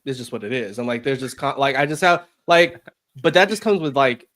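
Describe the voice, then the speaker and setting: A man's voice: mid-range voice, animated, a little fast, fairly bright tone. A man from the United States in casual podcast chat, emphatic and sassy, calling people baby.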